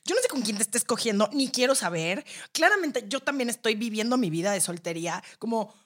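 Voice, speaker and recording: Podcast guest: young Mexican woman with a slightly high, husky voice, animated slangy storyteller. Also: a little fast. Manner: lively storytelling, laughs often, slangy. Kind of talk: casual chat.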